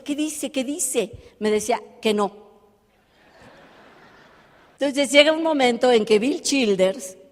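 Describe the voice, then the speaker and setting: A woman speaks from a stage, her fairly high voice carrying into a large hall with a long reverb tail. She tells her story with lively animation and slips into the voices of the people she quotes. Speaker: motivational speaker. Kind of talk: live motivational talk.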